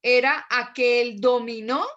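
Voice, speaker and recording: A woman teaching an online class, chatty and animated, often checking in with her students. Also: on the high side, measured pace, highs cut off.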